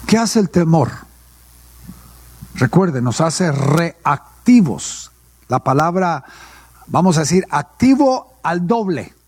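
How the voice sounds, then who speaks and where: Man, pastor preaching, high voice, asks and answers his own questions. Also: sing-song, slow, long pauses, a little mellow, breathy edge. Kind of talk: sermon.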